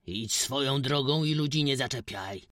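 A man voicing an old village farmer, shouting harsh threats at his son in a dry, close recording. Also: mid-range voice, normal speed, dry recording, voice pushed up, lightly acted. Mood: furious. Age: older. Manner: loud, harsh commands.

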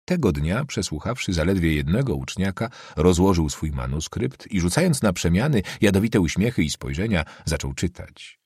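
A man reading literary prose aloud as an audiobook narrator, expressive and dramatic. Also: low-pitched, moderate pace, husky, no room sound, clean studio sound.

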